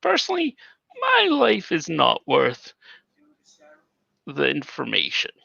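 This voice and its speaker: A man's voice: fairly high pitch, wildly swooping pitch, takes it slowly, creaky, bright, forceful tone, breathy edge, no echo, highs cut off, voice pushed up, exaggerated voice. A man voicing a secretive male informant with a voice modulator, talking in a sly sing-song way. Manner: sing-song, wheedling, theatrical.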